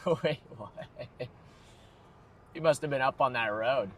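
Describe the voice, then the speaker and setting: A man's voice: mid-range voice, slow pace, fairly bright tone, slight background noise. An American man chatting casually on a livestream as a storm chaser, talking from inside a vehicle. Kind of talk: casual livestream chat while storm chasing.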